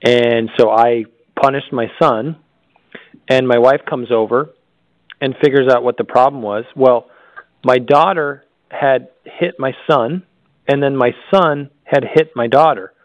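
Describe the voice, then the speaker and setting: A man who is a father, co-hosting a podcast and reflecting candidly in a relaxed conversational way. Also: mid-range voice, unhurried, dry recording, rough recording. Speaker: podcast co-host.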